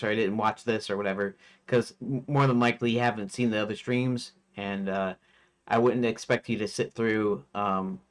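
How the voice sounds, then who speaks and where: Speaking on the low side, this forties-aged game developer rambles through casual live-stream chat, full of fillers and restarts.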